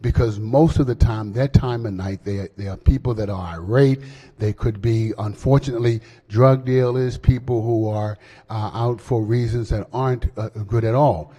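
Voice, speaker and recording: A man speaking as senate floor leader, explaining a bill in a halting floor speech with many fillers and restarts. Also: fairly low pitch, steady tone, mellow, slightly rough. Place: legislative chamber. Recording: long hall reverb.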